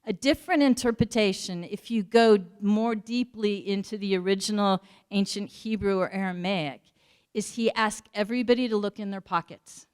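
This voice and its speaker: A woman giving a community talk, earnest and searching for words with fillers and pauses. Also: medium pitch, a little mellow, clear, resonant tone. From United States. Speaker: panel speaker.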